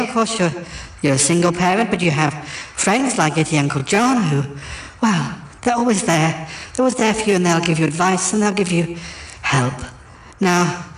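A man's voice: a little high, pitched above the performer's own voice, close to an everyday voice. A man voicing a pompous, theatrical middle-aged woman who gushes and calls everyone darling. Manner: grand, gushing, says "darling". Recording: roomy echo.

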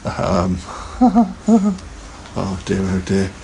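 A man's voice: deep voice, huge pitch swings, very slow, gravelly, warm tone, slight background noise. A man hosting a casual live podcast, chatting in a rambling way and laughing often. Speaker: podcast host.

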